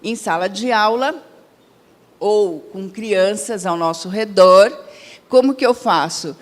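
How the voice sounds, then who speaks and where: A woman's voice: medium pitch, slow. A woman with a Brazilian Portuguese accent giving a public lecture, chatty and conversational, asking the audience questions and acting out quoted dialogue in her own voice. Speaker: lecturer at a spiritist center. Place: lecture hall. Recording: long hall reverb.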